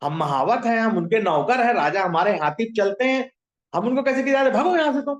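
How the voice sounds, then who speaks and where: A humble elephant-keeper, played by a man, scolds in disbelief and shoos the caller away. His voice runs fairly high. The storybook telling has a roomy echo. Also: animated, fairly quick, highs cut off. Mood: scolding. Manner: scolding, incredulous. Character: humble male mahout, servant of the king. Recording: echoey room.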